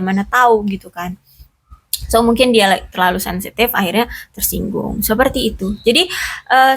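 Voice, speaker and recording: A woman giving a casual love reading in a chatty, reassuring way, full of fillers. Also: on the high side. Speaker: tarot reader.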